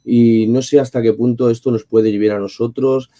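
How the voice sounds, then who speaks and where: Dark-voiced man asking rambling questions. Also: medium pitch, fairly even intonation, normal speed. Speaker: podcast host. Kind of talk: casual podcast chat.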